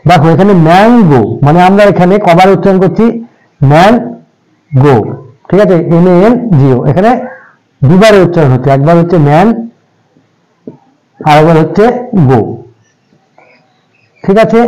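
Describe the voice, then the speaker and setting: A man teaching English grammar, explaining patiently, repeating each point and stretching example words out slowly. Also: high-pitched, lively intonation, darkish tone, low-quality recording. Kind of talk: classroom-style explanation in Bengali.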